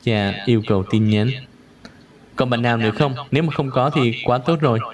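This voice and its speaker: A man teaching English pronunciation in a live online lesson. He drills words slowly and repeats them many times. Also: medium pitch, crowd noise.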